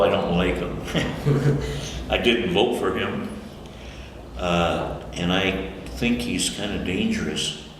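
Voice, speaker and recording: In a casual interview recorded in an echoey room with long reverb and faint noise, an older American man from Michigan rambles through his answers, correcting himself and chuckling frequently. He speaks in a low, creaky voice.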